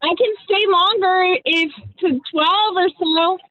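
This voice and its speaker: A woman's voice: extremely high pitch, slow pace. A woman calling in on speakerphone while driving, giving short, agreeable replies during a meeting. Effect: phone call on speakerphone while driving. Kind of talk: casual meeting talk. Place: car. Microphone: phone on speaker. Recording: tinny phone line.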